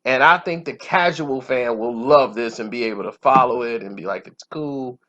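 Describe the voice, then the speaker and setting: Talking at normal speed in a medium-pitched, fairly bright voice, this movie reviewer and channel host gives his opinions casually and conversationally. The audio sounds dull and lo-fi.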